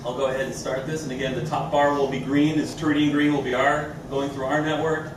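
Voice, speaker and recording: A man's voice: medium pitch, level tone, fairly quick. A man giving an informal, explanatory live product demo as a company presenter. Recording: echoey room, distant mic, clear background noise.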